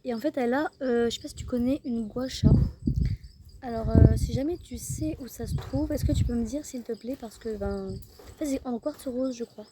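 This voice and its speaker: A woman's voice: a little high, moderate pace, heavy background noise. A young woman rambling through a casual family vlog, with lots of fillers and self-corrections. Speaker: mother vlogging her family day. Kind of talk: casual chat to the camera.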